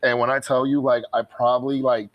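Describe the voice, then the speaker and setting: A man co-hosting a sports talk show, chatting casually and excitedly with lots of fillers. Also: mid-range voice, a little fast, no echo, lo-fi sound. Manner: animated, laughs often, many fillers. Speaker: podcast co-host.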